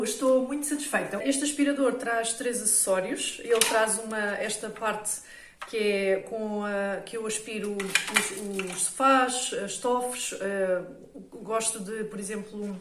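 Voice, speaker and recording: A woman with a European Portuguese accent who talks casually to her viewers and often checks in with them while showing household products. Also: mid-range voice. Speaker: home organisation vlogger. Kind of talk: casual product talk to camera. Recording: roomy echo, mic at a distance, faint noise.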